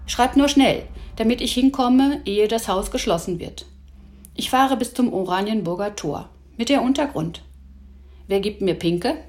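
A woman doing a brisk eager boy, raised pitch, storybook. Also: a little mellow, close to an everyday voice. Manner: brisk, helpful.

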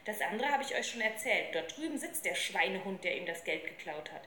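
A woman's voice: medium pitch, lively intonation, a little fast, bright, forceful tone, slight background noise. A woman reading aloud, voicing a cheeky, slangy street boy. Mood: brash. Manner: brash, slangy, eager. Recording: roomy with faint ambience.

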